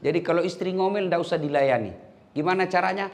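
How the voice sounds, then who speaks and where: A man's voice: sits high, fast talker, vocal fry. A man preaching a humorous sermon who tells jokes and stories and acts out the lines of the people in them. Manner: joking, storytelling, acts out quotes. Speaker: Islamic preacher.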